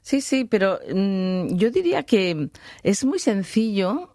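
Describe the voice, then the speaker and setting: A woman's voice: mid-range voice, sing-song, takes it slowly, a little mellow, no echo, studio quality. A woman speaking as an interview guest about voice work, thoughtful and trailing off with fillers and tag questions. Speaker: guest, voice and free singing teacher. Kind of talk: relaxed interview answers.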